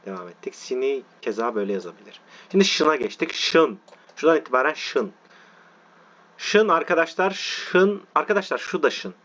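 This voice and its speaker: A male teacher giving an online lesson, walking through letter forms slowly and often checking that his listeners are following. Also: fairly high pitch, expressive, fairly bright tone. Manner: repetitive, checks in with "tamam mı arkadaşlar". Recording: dull lo-fi audio.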